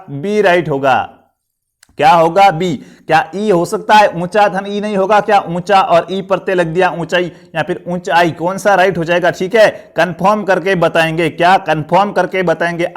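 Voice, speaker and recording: A man with a high-sitting voice teaches a live online grammar class. He keeps asking questions and answering them himself while encouraging the students.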